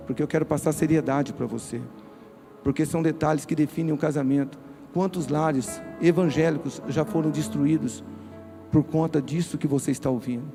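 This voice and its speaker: A man's voice: fairly high pitch, gravelly. A man with a Brazilian Portuguese accent preaching a sermon in church, emphatic and speaking straight to his listeners. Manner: emphatic, direct, addresses listeners. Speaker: pastor.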